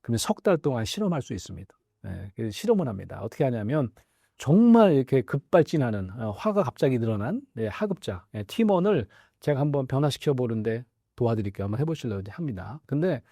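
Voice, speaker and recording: A middle-aged man, a professor, explaining things in a conversational interview, lively and full of small affirming fillers. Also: medium pitch, fast, gravelly, dry recording, clean studio sound. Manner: lively, acts out quoted dialogue, frequent affirming fillers. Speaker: professor guest.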